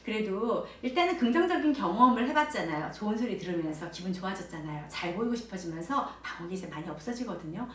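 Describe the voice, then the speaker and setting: A woman directing a child training center, explaining parenting methods to camera in an animated way and acting out bright exclamations to children. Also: medium pitch, quick pace, hardly any pauses. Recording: echoey room, voice a bit far from mic, faint background noise.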